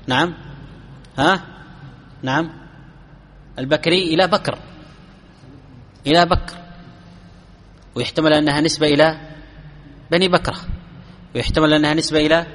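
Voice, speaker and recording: Guy teaching grammar, a bit high voice, lots of hall reverb, quizzes his class. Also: a bit bright. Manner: explains rules step by step, asks students questions; chants verses slowly. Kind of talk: classical Arabic grammar lesson.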